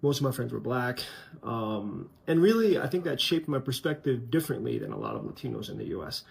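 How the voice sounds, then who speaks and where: A man's voice: mid-range voice, sing-song, fairly quick, creaky. A man from Colombia, raised in the US, talking frankly and conversationally to his channel's viewers. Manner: frank, conversational, many fillers. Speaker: channel host. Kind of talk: casual opinion vlog.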